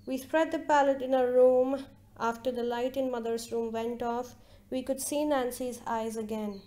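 A woman reading a literary short story aloud with slow, measured narration. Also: on the high side, fairly even intonation, mellow. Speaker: reader.

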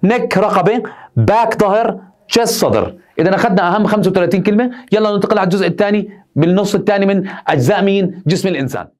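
Male teacher drilling words, lively pitch. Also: very fast. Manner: asks and answers his own questions, drills each word. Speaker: English teacher. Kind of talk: vocabulary lesson, repeating words.

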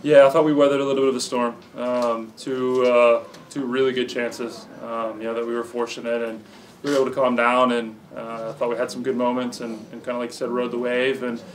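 A man in his thirties, a head coach, answering press questions in a measured way with many fillers and restarts, in an indoor press room. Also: mid-range voice, little pitch movement, recorded from a distance, a little hiss or hum, poor audio. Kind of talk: postgame press conference answers.

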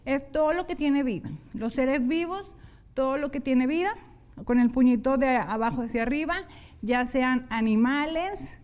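Woman teaching sign language, high voice. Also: a little mellow. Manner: slow, step-by-step explanation of hand signs. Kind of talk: televised classroom lesson.

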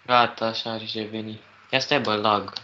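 A man's voice: lowish voice, little pitch movement, bright, forceful tone, lo-fi sound. A young man playing Minecraft with friends, talking bluntly and impatiently. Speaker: Minecraft let's player. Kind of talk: casual gaming chat.

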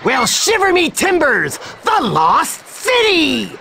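Jolly pirate pig in a kids game, gravelly and bright, swings all over in pitch. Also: male voice, huge pitch swings, takes it slowly, heavy background noise, exaggerated voice. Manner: hearty pirate talk, booming calls.

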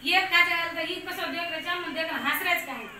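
A woman with a very high, piercing bright voice speaks earnestly, pressing her listeners with questions and exhortations. She sits back from the mic in a strongly echoing room. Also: a little fast, far from the mic, a little hiss or hum. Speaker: community speaker. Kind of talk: impassioned monologue on custom.

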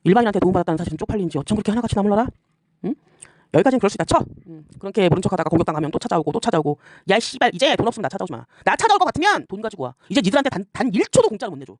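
A woman scolding and swearing at her rivals in an angry rant, firing off rhetorical questions and tagging lines with a sharp "eh?". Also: medium pitch, very animated, rapid-fire, dry recording, clean studio sound. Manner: repeatedly tags lines with a sharp "eh?". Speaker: YouTuber addressing rivals.

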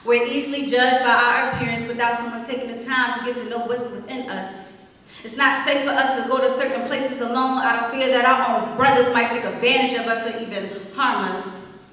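On a small indoor arts center stage, a young woman performs spoken word poetry at an open mic, her delivery rhythmic, emphatic and confrontational as it builds to punch lines. Her voice sits on the high side, steady, fairly quick and a bit bright. Captured on a stand mic and filmed from the audience, it sounds distant in an echoey hall.

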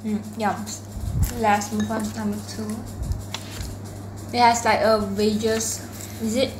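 A woman, co-hosting a food channel in excitable casual chat. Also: mid-range voice, slow, roomy sound, background noise. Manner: excitable, exclaims often.

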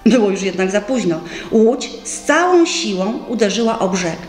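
A woman narrating a children's storybook aloud with expressive, lively delivery, recorded for a library. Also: medium pitch, normal speed. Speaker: audiobook narrator. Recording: roomy with faint music.

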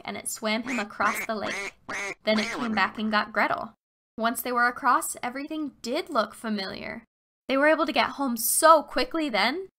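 A woman narrating a children's fairy tale expressively, slowing down for emphasis. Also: on the high side.

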